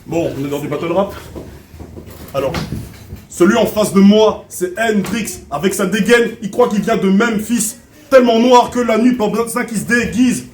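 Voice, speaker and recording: A man's voice: sits high, moderate pace, a little mellow. A man delivering taunting, conversational a cappella battle rap. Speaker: battle rapper. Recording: echoey room, faint noise.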